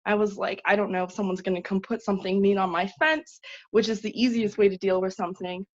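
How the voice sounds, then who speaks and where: A woman giving an earnest, urgent personal speech as an awardee, pausing often on "um". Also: mid-range voice. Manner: earnest, urgent, many 'um' fillers. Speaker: awardee speaking at a virtual ceremony. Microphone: video call. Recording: dull lo-fi video call audio.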